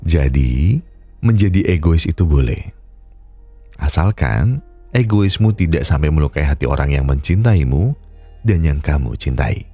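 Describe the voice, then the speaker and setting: Very deep, stuffy-nosed man narrating. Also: expressive, unhurried, long pauses, dry recording, faint music behind. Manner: folksy, gently advising, self-deprecating. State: nasal and congested from a cold. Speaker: film recap narrator and channel host. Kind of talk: scripted film recap narration and casual outro.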